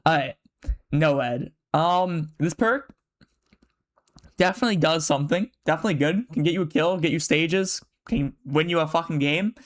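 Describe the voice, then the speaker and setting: Young guy streaming from his bedroom, kinda high voice, rambly and fast, swears a lot. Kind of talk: casual live-stream chat.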